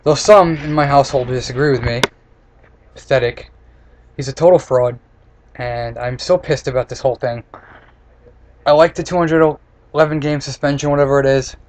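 A man's voice: medium pitch, moderate pace, long pauses, darkish tone. Blunt young man on a noisy webcam mic. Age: 20s. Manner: blunt, sarcastic, swearing. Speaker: snack reviewer. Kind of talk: casual webcam review and rant. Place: small room indoors. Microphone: computer webcam at close desk distance. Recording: noisy webcam microphone with room noise.

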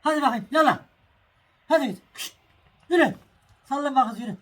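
A man's voice: extremely high pitch, a little fast, fairly bright tone. A middle-aged man hosting a casual home vlog, making a sandwich for viewers and then calling and coaxing an animal. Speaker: vlog host. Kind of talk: casual cooking and farm vlog.

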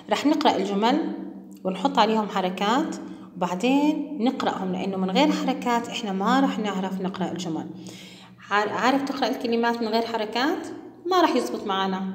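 Woman teacher, high voice, patient step-by-step explainer, echoey room with a long reverb tail. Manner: patient, explains step by step, asks the pupils questions. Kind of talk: recorded classroom lesson for children.

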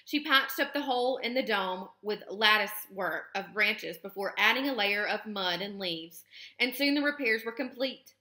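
Woman teacher reading a children's novel aloud, bright and expressive, roomy echo. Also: medium pitch, moderate pace. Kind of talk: children's book read-aloud.

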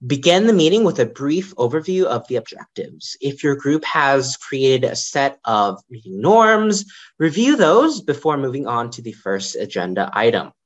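A young man gives a prepared lightning talk from a small room over a webcam. His mid-range voice moves up and down in lively swings, with an occasional um between points. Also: medium pitch, normal speed, highs cut off. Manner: lively, varied intonation, occasional ums. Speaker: librarian giving a conference talk.

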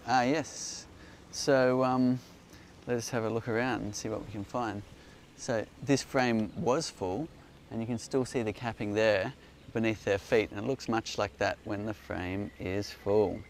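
Demonstrating in a garden outdoors, a man who hosts for a beekeeping company answers questions and explains things eagerly in a low, gravelly voice. He keeps a fairly even intonation and a measured pace. The audio seems to come from a phone camera held close, with faint outdoor sounds in the background.

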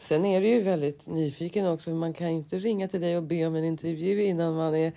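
Low-voiced Swedish woman interviewer. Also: steady tone, gravelly, warm tone. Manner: curious, probing questions with frequent brief affirmations. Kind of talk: interview questions.

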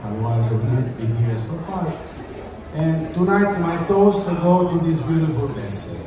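A man's voice: fairly high pitch, lively intonation, moderate pace. A man from Sicily with an Italian accent, a chief engineer giving a short toast speech. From Sicily, Italy. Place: large ship atrium, indoors. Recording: echoey hall, noisy crowd behind.

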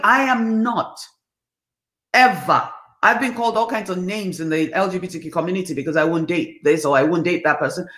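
A woman's voice: medium pitch, a bit bright, roomy sound. Blunt, emphatic woman in her fifties. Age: 50s. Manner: emphatic, preachy, speaks bluntly and animatedly. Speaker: talk show host. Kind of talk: candid motivational monologue. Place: home living room, indoors.

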